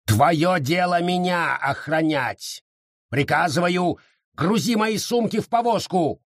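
A man's voice: on the high side, lively intonation, unhurried, no echo, studio quality, pitched above the performer's own voice. A man voicing a pompous, whiny old colonial judge who barks orders at everyone. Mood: bossy. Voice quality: whiny, imperious shouting.

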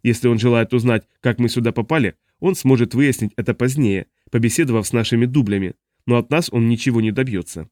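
A man's voice: mid-range voice, fast talker, hardly any pauses, darkish tone, dry recording, studio quality, natural voice. A man voicing a stubborn, guarded traveler who refuses to give answers. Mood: defiant.

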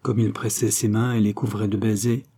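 Husky dark-voiced male narrator. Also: lowish voice, little pitch movement, a little fast. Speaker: audiobook narrator. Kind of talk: scripted narration of a classic novel.

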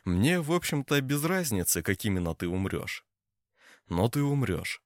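A man voicing a stern, menacing warrior leader in an audiobook, in a cold measured tone. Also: on the low side, big pitch swings, no room sound, studio quality. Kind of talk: audiobook character voice.

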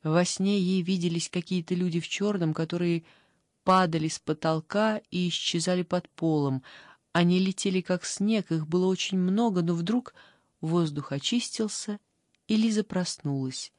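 A woman reading a fairy tale aloud as a calm, even audiobook narrator. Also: fairly low pitch, normal speed, no echo, clean studio sound. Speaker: audiobook reader. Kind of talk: scripted narration.

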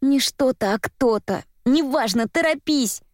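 A woman reading a story aloud voices a sharp-tongued heroine trapped in a bath, speaking urgently and with exasperation. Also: high voice, unhurried, no echo, studio quality, pitched above the performer's own voice. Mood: desperate.

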